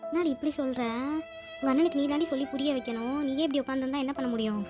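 A woman voicing a worried, scolding elderly grandmother in a cartoon, speaking in rapid nagging questions. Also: high voice, dull audio, music in the background, lightly acted. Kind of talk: Tamil cartoon voice acting.

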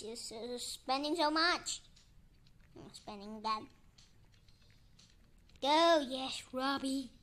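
A woman with giving excited gameplay commentary, chanting and cheering as she plays. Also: high-pitched, vocal fry. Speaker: gameplay streamer.

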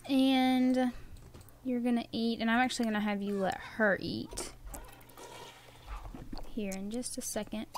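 A woman's voice: a little high, little pitch movement, measured pace, pauses often, a little hiss or hum. Chatty Southern woman commentating a game. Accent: Southern American. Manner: chatty, coaxing, talks to game characters. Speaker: gameplay commentator. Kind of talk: casual let's-play commentary.

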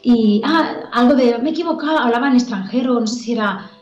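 A woman's voice: on the high side, quick pace, a little mellow, reverberant, dull audio, faint music behind. A woman, a spiritual teacher telling a story in casual spoken teaching, chatty and laughing often, with many restarts.

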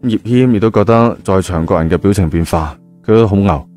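A man with a deep, darkish voice and a brisk pace tells a novel's story. His Cantonese accent comes through in a casual, conversational narration filled with spoken particles, and music sits under the voice.

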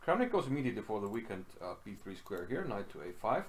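Middle-aged guy from iceland walking thru a chess game at his desk, lowish voice, lots of uhs. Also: fast. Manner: relaxed, thinking aloud with frequent fillers. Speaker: chess commentator. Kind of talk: casual chess game analysis. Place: small room at home.

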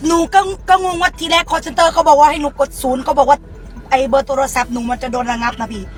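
A woman's voice: high voice, fast talker, faint music behind, natural voice. A woman voicing a naive, chatty rural woman with a Khmer accent, repeating herself and playing confused on a prank phone conversation. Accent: Khmer-accented Thai. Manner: repetitive, rambling, playing confused.

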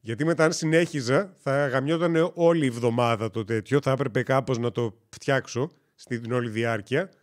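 A Greek man with a mid-range voice talks casually on a gaming live stream, barely pausing. He rambles, jokes, tells stories and corrects himself as he goes.

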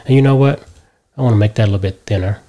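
A middle-aged man explaining a software tutorial step by step from a home office, often checking in with "right?". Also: fairly low pitch, rapid-fire. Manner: relaxed step-by-step explaining, tags lines with "right?". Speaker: tutorial host. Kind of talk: screen-share software tutorial.

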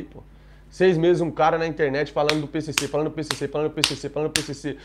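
A man with a Brazilian accent ranting indignantly to viewers on a live stream, repeating himself and building to loud outbursts. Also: fairly high pitch. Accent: Brazilian Portuguese. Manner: indignant, repetitive, rising to shouting.

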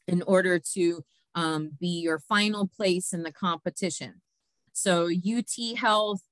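A woman's voice: on the low side, fairly bright tone, dry recording. A woman hosting an online quiz show, walking through the results in a chatty way with many fillers and frequent laughs. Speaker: host. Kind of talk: casual presentation of competition results.

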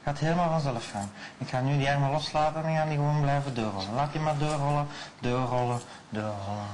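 Male stage hypnotist, soothing repetitive patter, noisy studio sound. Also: medium pitch. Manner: slow soothing repetitive suggestions, often hushed.

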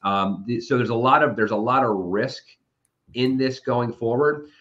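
A man's voice: mid-range voice, fairly bright tone. A man speaking as an automotive industry analyst in a conversational interview, thinking aloud and often restarting his sentences. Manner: quick, thinking-aloud delivery with frequent restarts. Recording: slightly dull lo-fi sound.

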